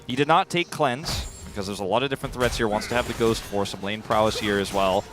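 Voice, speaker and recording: A man's voice: fairly low pitch, quick pace. A man giving conversational esports commentary, explaining plays as an analyst caster. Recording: game broadcast with music behind.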